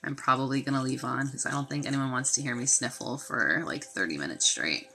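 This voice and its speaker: Over the sound of a desk fountain and soft music, a woman with a bass voice talks a little fast. She's running a healing live stream on her phone, casually chatting and welcoming viewers by name while sniffling from a sinus infection.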